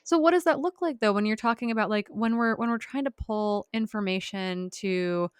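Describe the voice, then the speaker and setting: A woman's voice: mid-range voice, normal speed, clear, resonant tone, no echo, studio quality. A young woman hosting a podcast interview, chatty and upbeat, peppering her talk with "like". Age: young adult. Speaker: podcast host. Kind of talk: casual interview chat.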